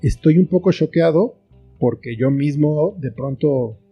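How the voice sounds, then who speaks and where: His voice fairly high, unhurried and breathy-edged, this middle-aged Mexican Spanish-accented writer and filmmaker reflects as an interview guest in a relaxed conversation. The audio is dull, with soft plucked guitar music faintly behind.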